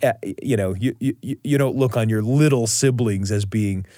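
A man co-hosting a podcast in a conversational, expressive way. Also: medium pitch, normal speed, no echo, studio quality. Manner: expressive, animated delivery. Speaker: podcast co-host.

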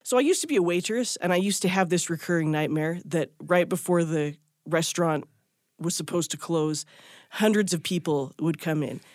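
A woman guitarist gives an interview, casually recounting her own experience in a candid, self-deprecating way full of "like" and "you know." Her voice is on the low side and darkish, at a normal pace, captured in a dry, studio-quality recording.

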